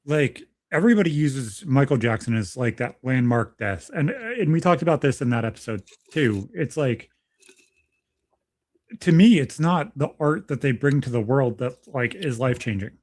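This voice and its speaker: A man's voice: mid-range voice, animated, normal speed, a little mellow. A man in his thirties co-hosting a casual podcast, talking bluntly and swearing freely as he rambles through his thoughts. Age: 30s. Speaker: podcast co-host.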